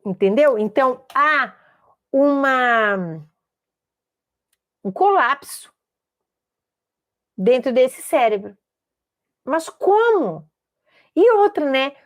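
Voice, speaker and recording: A woman's voice: sits high, big pitch swings, extremely slow, pauses often. Emphatic woman teaching letter sounds. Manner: repeats words for emphasis, asks rhetorical questions. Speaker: special education teacher. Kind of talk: explanatory online lesson.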